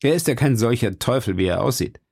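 A man reading a calm, self-assured young cavalier. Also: medium pitch, brisk, creaky, slightly rough, no room sound, studio quality. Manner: calm, reassuring. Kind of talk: audiobook reading.

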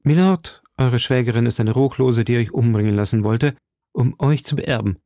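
A man's voice: mid-range voice, normal speed, dark tone, no room sound, clean studio sound, natural voice. A man reading an audiobook and voicing an earnest, eager young musketeer.

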